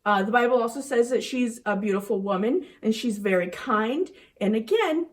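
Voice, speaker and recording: Animated woman telling kids a Bible story. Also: fairly high pitch, normal speed. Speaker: children's ministry teacher.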